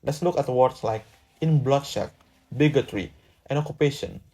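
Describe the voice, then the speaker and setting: A man's voice: medium pitch, moderate pace, dark tone. A young man from Indonesia, a student presenter reading a prepared lesson script in a careful, slightly stiff way. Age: young adult.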